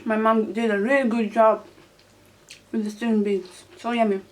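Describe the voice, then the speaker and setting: A young woman hosting a casual mukbang, chatting excitably to viewers as she eats. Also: on the high side, moderate pace. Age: teenager to young adult. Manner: excitable, exclaiming, talking to viewers while eating. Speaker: mukbang host. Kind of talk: casual mukbang eating chat to camera.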